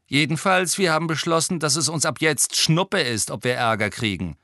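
A man's voice: on the high side, moderate pace, sharp tone, dry recording, studio quality, voice pushed up. A man voicing a cool, teasing teenage boy prankster in an audiobook. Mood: cocky.

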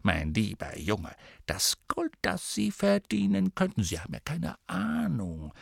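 A man's voice: fairly high pitch, big pitch swings, moderate pace, fairly bright tone, no echo, clean studio sound, voice pushed up. Man doing a pushy fawning author. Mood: coaxing. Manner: eager, salesmanlike, wheedling. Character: pushy, fawning male author, middle-aged.

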